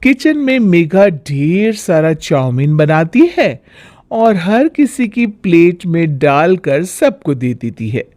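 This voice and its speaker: A woman narrating a family story in a steady storybook manner. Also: fairly low pitch, takes it slowly, dry recording.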